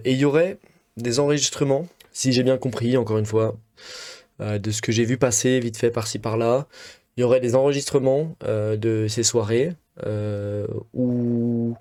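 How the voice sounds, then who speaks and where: A man streamer talks his way through a reaction video in a loose, rambling manner. He keeps stopping on hesitant fillers and drops easy slang as he goes. His voice sits at an ordinary middle pitch. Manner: relaxed slang-heavy chat. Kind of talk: casual reaction commentary.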